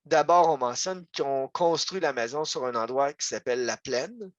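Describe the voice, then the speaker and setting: A man's voice: mid-range voice, normal speed, no room sound, highs cut off. A man with a Quebec French accent giving a local history lecture over a video call, conversational, with many fillers and asides. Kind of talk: history talk, online lecture.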